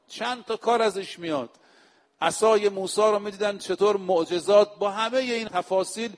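A male preacher giving a sermon, speaking to his listeners directly and reciting scripture quotes slowly and with emphasis. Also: high-pitched, big-room sound. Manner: addresses the audience directly. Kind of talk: religious sermon.

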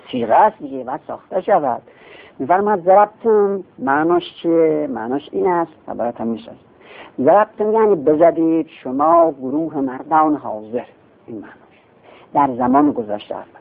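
A man's voice: a little high, gravelly, breathy edge. A man teaching a grammar class, explaining step by step and asking and answering his own questions. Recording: tinny phone-like sound.

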